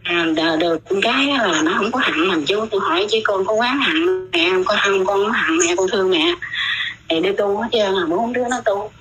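A woman's voice: medium pitch, fairly quick, hardly any pauses, crowd noise, low-quality recording. A middle-aged woman, telling her own story in casual, rambling talk and often repeating her words.

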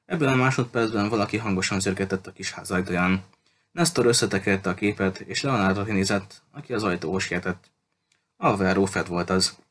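A man narrates a novel chapter in a steady, unhurried reading voice. His pitch sits on the low side. A faint background noise runs under the recording. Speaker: audiobook narrator. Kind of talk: audiobook reading.

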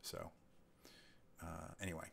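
A man's voice: deep voice, flat delivery, slow pace, vocal fry, fairly bright tone, slightly rough. A man hosting a casual live stream, reading out chat questions and answering in a rambling way with many ums and restarts. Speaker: livestream host.

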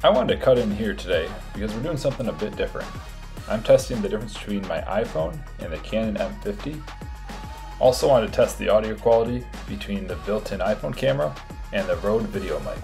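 A man's voice: lowish voice, gravelly. Young adult American male builder-host, explanatory delivery, heavy cave echo and long reverb from an empty house interior. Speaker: home builder hosting a project video. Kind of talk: explanatory presenting to camera. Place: large empty unfinished house interior, indoors.

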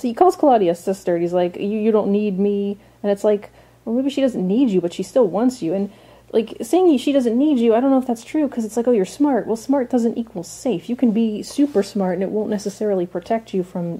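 A woman's voice: medium pitch, dark tone. A woman giving a casual, opinionated episode recap and commentary, chatty with frequent restarts. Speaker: recap vlogger.

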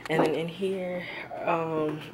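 Speaking slowly in a low, level voice, a woman in her twenties vlogs while cooking in her small home kitchen, rambling with many ums. She films on a handheld camera held close and moving, and frying sounds make the scene noisy.

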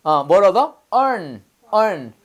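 A woman teaching English vocabulary, her mid-pitched voice rising and falling in lively swings. She drills the class with quick call-and-repeat prompts. She explains each word through playful memory tricks.

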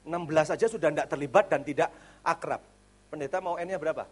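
A man preaching to a congregation in a fairly high voice. He talks casually and with energy, building to loud emphatic points and then dropping to quiet asides. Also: fast talker. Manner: animated, swings between loud emphasis and quiet asides, colloquial. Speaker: pastor. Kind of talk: sermon. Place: church service.

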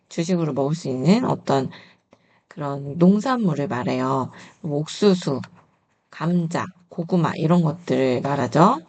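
A woman teaching a reading lesson in an unhurried, careful voice. She sounds out syllables one by one and explains each word patiently, asking the listener questions. Her pitch sits a little low but moves up and down a lot. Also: warm tone. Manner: polite teaching tone, asks questions to the viewer. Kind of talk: slow instructional reading lesson.

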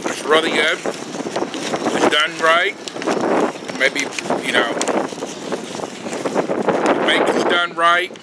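Casting: middle-aged male food vlogger, higher voice, talks with his mouth full, outdoor traffic noise. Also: drawn-out words, pauses often. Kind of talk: casual review chat. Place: outdoor fast-food patio. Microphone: camera at arm's length. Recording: noisy outdoor traffic background.

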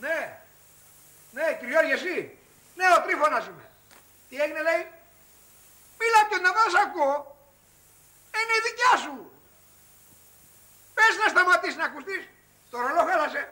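A man's voice: extremely high pitch, lively intonation, long pauses, pushed and bright, heavily acted. An actor playing a bossy male repairman who barks orders and calls his helper names, in a 1980s comedy film. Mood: bossy scolding. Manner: brash, barking orders and name-calling. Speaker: tradesman fixing a roller shutter.

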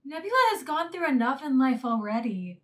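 A woman's voice: high-pitched, animated, fairly quick, slight background noise. A woman in her twenties giving spontaneous reaction commentary in short exclamations and questions as she watches a film. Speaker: movie reaction host. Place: small furnished room indoors. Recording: film soundtrack playing behind the voice. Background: film music and dialogue.

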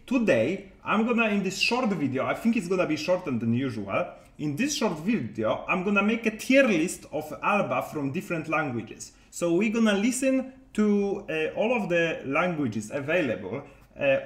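Chatty man with lively, roomy voice. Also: a little high. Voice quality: non-native English phrasing. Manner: chatty, rambling, with many hesitations and restarts. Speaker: game content creator. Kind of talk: casual commentary to viewers.

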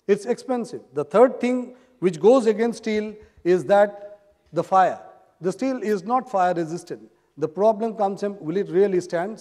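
A man's voice: high-pitched, mellow. A middle-aged man with an Indian English accent giving a conference talk on stage, explaining earnestly with frequent uh fillers and restarts. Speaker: industry conference speaker. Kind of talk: conference presentation. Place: large hotel conference hall, on stage. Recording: echoey conference hall.

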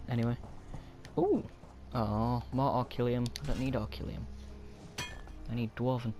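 A man giving casual, excitable gameplay commentary, swearing often and chatting to himself. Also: medium pitch, measured pace. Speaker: gaming video creator. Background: game music.

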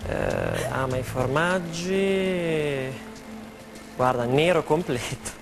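A man in his thirties playing a TV quiz, with a slightly high voice and slow delivery. He thinks aloud tentatively before short answers, over studio music. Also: wildly swooping pitch, vocal fry. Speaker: quiz contestant. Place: large TV studio. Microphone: lapel mic.

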